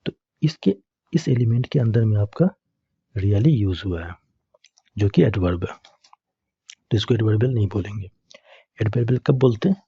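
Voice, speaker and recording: A man's voice: on the low side, warm tone, husky, no echo, lo-fi sound. A man teaching English grammar, explaining it step by step and answering his own questions to the class. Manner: repeats questions to students and answers them himself.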